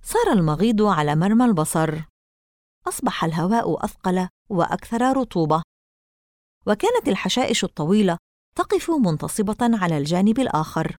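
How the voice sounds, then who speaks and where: A woman narrating an audiobook novel in an expressive, measured reading. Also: mid-range voice, no echo, studio quality.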